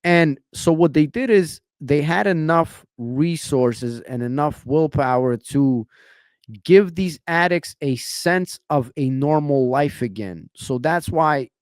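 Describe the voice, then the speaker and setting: A man's voice: on the high side, lively intonation, takes it slowly, no echo, studio quality. A young man from Ukraine hosting a podcast interview, talking in an impassioned way and often tacking on "man" and "you know what I'm saying". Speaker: podcast host.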